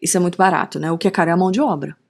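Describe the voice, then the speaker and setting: A woman's voice: on the low side, very fast, gravelly. A middle-aged woman with a Carioca accent, a podcast guest chatting casually and acting out the voices of people in her stories. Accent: Carioca Brazilian Portuguese. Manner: lively storyteller, acts out quoted dialogue, frequent tag questions. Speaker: podcast guest, digital marketing strategist. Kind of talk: casual conversational interview.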